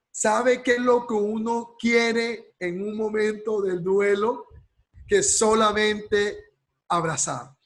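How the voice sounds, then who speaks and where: A man teaching a counseling course, his voice a little high and husky. He talks at an unhurried pace and drags out the words he wants to land. He often stops to ask the class a question or to check they are with him. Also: a bit bright, poor audio. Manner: slows right down to stress key words. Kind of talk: class lecture.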